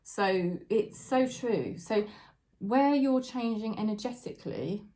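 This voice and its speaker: A woman's voice: fairly high pitch, expressive, slow. A woman giving a daily tarot reading to camera, talking in a chatty, heartfelt way about spirit guides and loved ones. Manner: chatty and warm-hearted, tearful and laughing at times. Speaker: tarot reader.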